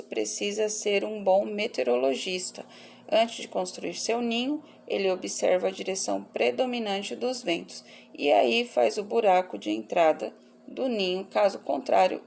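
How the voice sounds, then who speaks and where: A woman's voice: mid-range voice, creaky, darkish tone, a little hiss or hum. A woman teacher, reading out and correcting workbook answers for young pupils and listing the words one by one.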